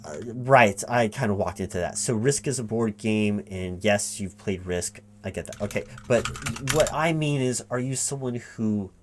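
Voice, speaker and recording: In a lightly acted one-sided ASMR job interview, a man voices a flustered, evasive recruiting manager, sounding curious and confused. His lowish voice rambles, stopping, repeating and correcting itself, over slight background noise.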